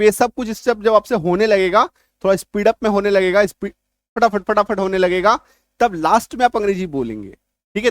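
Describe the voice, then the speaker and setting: A man's voice: high-pitched, dry recording. A man teaching English reading in a classroom-style lesson. He speaks with a Hindi accent, spells out letters and keeps asking "ठीक है?" to check that students follow.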